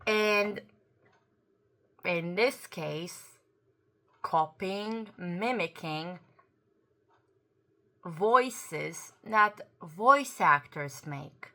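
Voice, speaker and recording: A YouTube commentator whose first language is Croatian gives her opinion to camera, unhurried and deliberate. Her bright, forward, somewhat low voice is expressive, and she sounds earnest as she searches for words and corrects herself.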